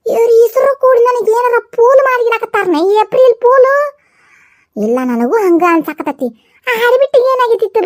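A shrewd, suspicious mother-in-law in a comedy skit, played by a woman with a North Karnataka Kannada accent. Her voice is very high and dry, full of mocking, knowing asides. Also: dry recording.

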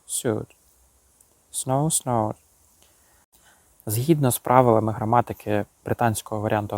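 A man teaching a recorded grammar lesson, voice sitting at an ordinary middle pitch. He explains each rule in turn, then reads word pairs and example sentences aloud. The recording is dry and close, with no room sound. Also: a little mellow, no room sound, rough recording. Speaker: English teacher.

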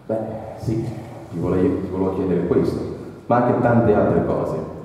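Man reading a gentle lady interviewer, patient questions, deep voice, long reverb. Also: moderate pace, a little hiss or hum, natural voice. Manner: plain, patient questioning in a read-aloud voice. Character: gentle young woman interviewer asking questions. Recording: echoey hall, mic far off.

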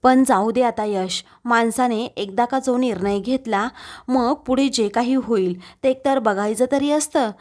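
A woman's voice: fairly high pitch, a little slow, a little mellow, natural voice. A woman narrator reading the lines of a teasing young woman in a serial recap.

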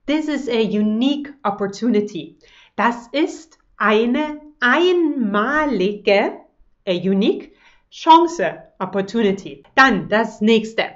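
A woman gives a language lesson at a very slow, deliberate pace, saying each word with care before she translates it. Her voice sits a little high, and the recording sounds slightly dull. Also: expressive. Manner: slow, careful pronunciation, switching to English translations. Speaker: German teacher. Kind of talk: language lesson, repeating words slowly.

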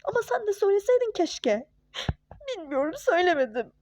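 A woman's voice: very high voice, sing-song, a little fast, no room sound. A girl doing a firm, scolding young wife. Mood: hurt. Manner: scolding, hushing and pleading. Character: young wife and mother, hurt but firm and sensible. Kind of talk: home-made toy-game role-play.

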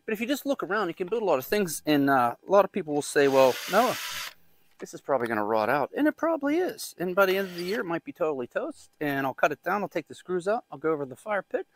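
Chatty, lively-voiced man vlogging outdoors. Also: high-pitched, very fast, few pauses, a little hiss or hum. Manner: chatty, rambling, self-deprecating. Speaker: gardening vlogger. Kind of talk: casual outdoor vlog. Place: outdoors in woods and garden.

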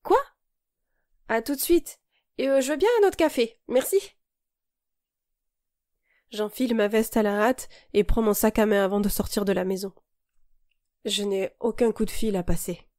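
Calm woman reading a novel aloud. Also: mid-range voice, no echo, clean studio sound. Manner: calm, measured, intimate reading. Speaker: audiobook narrator and author. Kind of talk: first-person novel narration.

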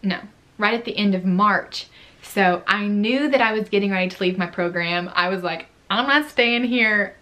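A woman's voice: medium pitch, moderate pace, a bit bright. A young woman vlogger casually telling a story to camera, chatty and full of "like", laughing often. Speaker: vlogger, former theme park food worker.

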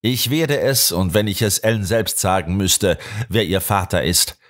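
A man's voice: sits low, expressive, unhurried, a bit bright. A man reading an audiobook, voicing a devoted doctor who speaks with earnest determination. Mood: determined. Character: devoted man, a doctor fighting for his love.

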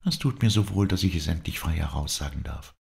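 A man with a deep voice voicing a tender, sorrowful young woman in an audiobook, speaking softly and pleadingly. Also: expressive, brisk, vocal fry, exaggerated voice. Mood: tearful joy.

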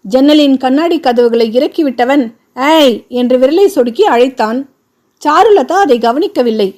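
A woman storyteller reading a novel aloud in a steady, expressive way. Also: sits high, moderate pace. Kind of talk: scripted novel narration.

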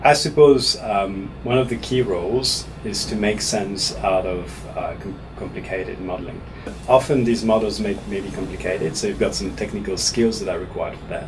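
A Swiss actuarial professor in his thirties, with a lowish voice, answers interview questions in a measured way, often restarting his words. He sits at a table in a small office meeting room, and the room recording picks up an audible air conditioning hum.

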